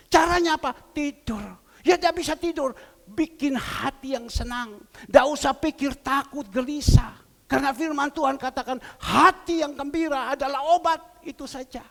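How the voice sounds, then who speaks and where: A male pastor, preaching and retelling phone calls as animated dialogue. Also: extremely high pitch, vocal fry. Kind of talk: sermon. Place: church hall. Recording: reverberant church hall.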